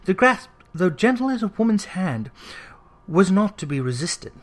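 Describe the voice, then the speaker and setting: Reading classic fiction aloud, this male audiobook narrator has a somewhat high voice. His pacing is measured and his storytelling is expressive and literary.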